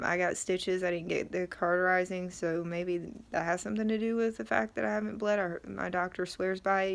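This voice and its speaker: A woman's voice: on the low side, vocal fry. A middle-aged woman talking casually and matter-of-factly to camera, her throat sore as she recovers from tonsil surgery. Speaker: vlogger.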